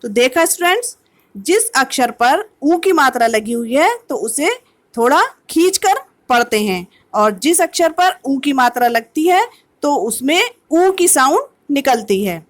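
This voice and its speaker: A woman teacher leads an online lesson for young children. Her voice sits high and light. She moves at an unhurried pace, sounding out each word piece by piece with steady patience. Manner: slow, patient syllable-by-syllable sounding out of words. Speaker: primary school teacher. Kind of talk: online kindergarten Hindi lesson.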